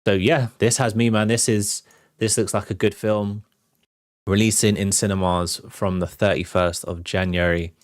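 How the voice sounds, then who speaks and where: A man hosting a film show offers casual, off-the-cuff commentary on trailers in an informal manner. His voice is on the low side, level in tone, at a normal speed, captured with studio quality and no room sound.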